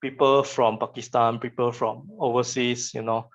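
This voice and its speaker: A young guest speaker, a photographer and digital artist with a Malaysian accent whose first language is Chinese, talks informally to students in an online virtual session. His mid-range, level voice is halting and colloquial, often repeating phrases, and the call audio is muffled and lo-fi.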